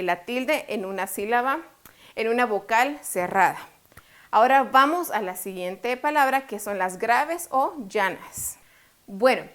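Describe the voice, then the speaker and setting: A woman teacher with a slightly high voice walks through a lesson step by step. She poses questions to the student and answers them herself, drawing out syllables to make a point. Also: fairly bright tone. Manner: explains step by step, asks and answers her own questions; slows down to stress syllables. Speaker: Spanish teacher. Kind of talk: online lesson.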